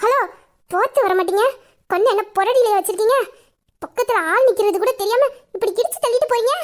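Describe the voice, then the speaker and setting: A woman voicing a sharp-tongued young woman who scolds and pleads tearfully in an amateur audio drama. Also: very high voice, fast. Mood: scolding.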